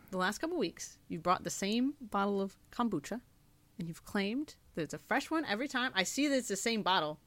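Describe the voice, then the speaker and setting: A woman's voice: medium pitch, animated, normal speed, a bit bright, no room sound. A young woman co-hosting a podcast, chatting casually and teasing her co-host. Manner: teasing, playful. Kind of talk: casual chat.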